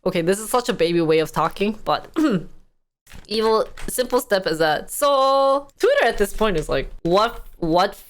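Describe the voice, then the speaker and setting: A woman's voice: medium pitch, animated, moderate pace. A young woman YouTuber explaining a news story in casual, chatty commentary, playfully acting out the quotes. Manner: chatty, playful, acts out quotes in funny voices.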